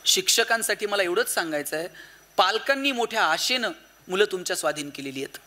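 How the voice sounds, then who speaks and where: A man giving an animated public lecture to parents and teachers in an auditorium, firing rhetorical questions at the audience. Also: high-pitched, a little fast. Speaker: motivational speaker addressing parents and teachers.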